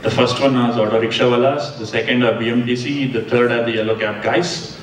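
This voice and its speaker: A man with an Indian accent from Karnataka answers questions at a live event. His voice is medium in pitch and his phrasing is hesitant and thoughtful. He sounds away from the mic in a roomy space with an audience around him. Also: fairly even intonation, brisk. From coastal Karnataka and Bengaluru, India. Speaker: panelist. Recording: roomy, distant mic, crowd behind.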